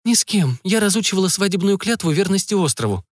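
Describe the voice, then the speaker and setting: A spirited young island girl, high-voiced and lively, earnest and defiant, as a man reads her. She speaks frankly in a dry, close audiobook recording. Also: fast, no room sound. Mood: flustered.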